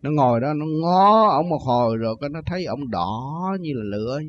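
An older man with a Southern Vietnamese accent, telling a personal story in a lively, colloquial way and acting out the people he quotes. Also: medium pitch, normal speed, slight background noise. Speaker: storyteller recounting his conversion. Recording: dull lo-fi recording.

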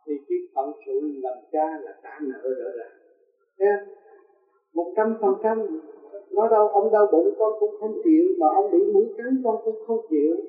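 A man giving a religious sermon, telling a parable and asking his listeners rhetorical questions, recorded in a tinny, echoey way from far off. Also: sits high. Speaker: preacher. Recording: tinny, echoey, distant from the mic.

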